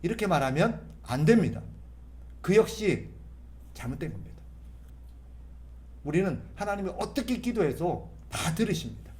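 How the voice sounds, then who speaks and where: A man's voice: sits high, very animated, normal speed, long pauses, a little mellow. A male pastor preaching a sermon in a conversational way, asking rhetorical questions, answering them emphatically, and acting out sample prayers. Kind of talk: sermon at a Friday prayer meeting.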